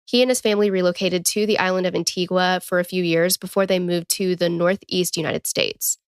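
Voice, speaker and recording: A woman's voice: fairly low pitch, fairly even intonation, brisk, clear, resonant tone, no echo, clean studio sound. A woman co-hosting a casual true-crime podcast, joking and teasing between reading case background. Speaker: podcast co-host.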